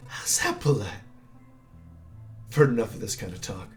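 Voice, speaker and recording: A man's voice: fairly low pitch, animated, normal speed, soft background music, pitched below the performer's own voice, natural voice. Brief: man doing a smug hunter villain for a game, theatrical drawl, swoopy and sneering. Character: arrogant male monster hunter villain, gloating.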